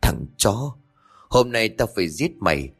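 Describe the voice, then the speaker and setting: A man voicing a hot-tempered young man who shouts in grief and fury, in an audio ghost story. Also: lowish voice, sing-song, measured pace, breathy edge, soft background music, full character voice. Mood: enraged. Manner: shouting, threatening.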